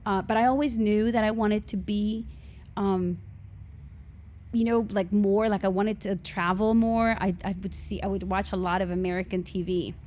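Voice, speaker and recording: A woman in her forties from Honduras, a native Spanish speaker, chatting warmly as a guest and often laughing as she shares her testimony. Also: medium pitch, fairly even intonation, normal speed. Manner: warm, chatty, laughs often between sentences. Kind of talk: casual faith testimony.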